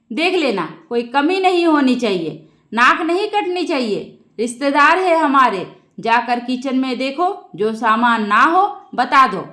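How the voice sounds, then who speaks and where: A domineering middle-aged mother-in-law barks orders at her daughter-in-law, as a woman narrator acts her out. Her voice is high and commanding, and the room adds echo. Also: heavily acted. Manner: bossy, yelling commands.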